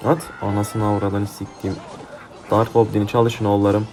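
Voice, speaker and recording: A man's voice: on the low side, little pitch movement, moderate pace, darkish tone. A young man commentating his own mobile game match, swearing heatedly and trash-talking his opponents. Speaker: gaming YouTuber. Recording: faint game music behind.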